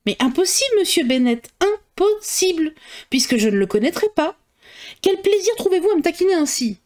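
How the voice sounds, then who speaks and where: A woman reading a classic novel puts on an excitable middle-aged mother of five daughters, her voice climbing high and thin as she frets. She fusses and complains, and her nerves are always close to the surface. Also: normal speed. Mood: querulous. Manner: shrill, fussy and complaining.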